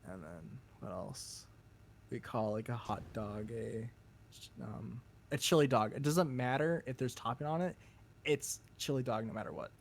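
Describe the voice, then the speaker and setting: A man's voice: mid-range voice, gravelly, slight background noise. Rambling Minnesotan man, laughing a lot. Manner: rambling, laughs often, halting restarts. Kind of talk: casual chat.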